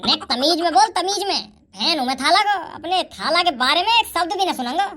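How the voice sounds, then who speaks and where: Woman voicing a cartoon village man, boastful, rowdy, high voice, faint noise. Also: lively intonation, quick pace. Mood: boisterous. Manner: rowdy, boisterous dialect banter. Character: boastful young village man, cricket fan.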